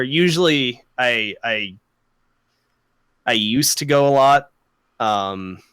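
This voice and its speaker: A man's voice: mid-range voice, pushed and bright, clean tone, no echo. A young man co-hosting a podcast, chatting casually, rambling, swearing a lot and laughing often. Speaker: podcast co-host. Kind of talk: casual chat.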